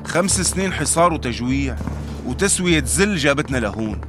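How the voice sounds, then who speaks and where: Lightly acted and brisk, a fairly high male voice with lively intonation portrays a determined rescuer from Madaya, Syria, in the Damascus countryside. He speaks with a Syrian accent as a warm, protective, stubbornly hopeful civil defense worker in a radio drama, coaxing earnestly and sighing heavily over background music.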